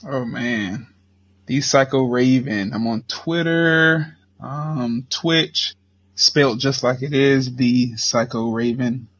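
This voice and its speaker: A man guesting on a podcast, speaking earnestly and haltingly with fillers, on a lo-fi mic. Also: mid-range voice, a bit bright. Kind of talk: casual chat. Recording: dull lo-fi mic.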